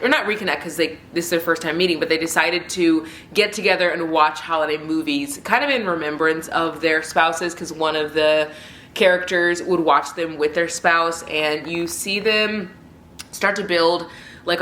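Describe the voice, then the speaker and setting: Reviewing books she has read, a low-voiced, sharp-toned woman talks with enthusiasm despite a congested nose in a relaxed vlog chat. The recording has a roomy echo and slight background noise.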